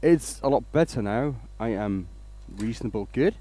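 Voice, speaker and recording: A man's voice: mid-range voice, expressive, normal speed, dark tone. A man from Denmark, hosting a casual woodturning livestream, rambling along and greeting viewers by name.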